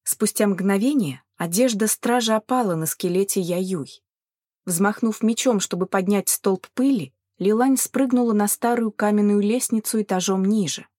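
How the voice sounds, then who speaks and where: A woman reads a fantasy audiobook chapter in a calm, measured voice of middle pitch. The sound is dry and close to the mic. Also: dry recording. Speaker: audiobook narrator. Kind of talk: scripted narration.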